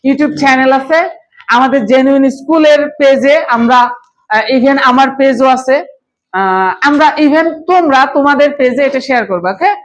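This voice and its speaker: A woman with a Bangladeshi accent teaches a children's spoken English class, coaxing the room and asking "okay?" again and again while mixing Bengali with English. Her voice is high and her pace normal, and the recording is rough.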